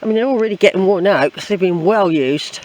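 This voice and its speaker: A woman's voice: mid-range voice, quick pace, darkish tone, low-quality recording. An older woman with an English accent records a casual walking vlog out in the woods. She rambles in a chatty, reflective way, often repeating her phrases. Her voice is picked up by the camera she carries along the trail. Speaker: hiking vlogger. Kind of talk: casual rambling walk commentary. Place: outdoors on a woodland trail.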